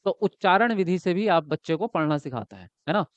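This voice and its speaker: Male teacher for an exam-prep lesson: high, smooth voice that answers its own questions, close and dry, slightly dull recording. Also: animated, a little fast, dry recording. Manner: explains by asking and answering himself; ends points with a checking tag.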